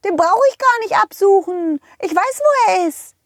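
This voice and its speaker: A woman's voice: normal speed, dry recording, clean studio sound. A woman voicing a playful, teasing female pink horse in a children's audio story. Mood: chatty. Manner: teasing, giggly, high and excited.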